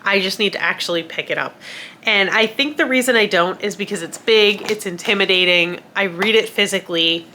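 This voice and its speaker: Congested and nasal from a cold, this woman talks about books to the camera in a brisk, bright, forceful voice at medium pitch, with a little hiss or hum on the recording. As a book vlogger, she is casual, chatty, and self-deprecating, often laughing and using fillers.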